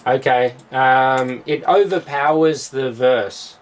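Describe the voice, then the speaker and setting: A man's voice: mid-range voice, takes it slowly, a little hiss or hum. A man, a music producer, explaining his mixing steps in a studio tutorial, with frequent "uh"s as he works. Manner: explanatory, with frequent filler sounds.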